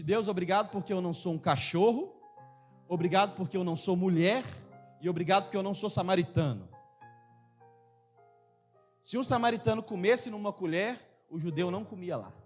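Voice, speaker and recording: A high-voiced man preaching in a church with emphatic, animated delivery. He calls out directly to his listeners, while faint instrumental music plays behind him. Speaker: pastor. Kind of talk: sermon.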